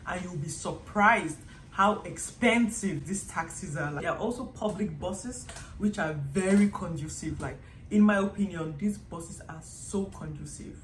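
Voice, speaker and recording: Her pitch fairly low, a chatty Nigerian vlogger talks straight to camera in a casual monologue, animating her stories with acted-out quotes. Faint background noise carries through the echoey room.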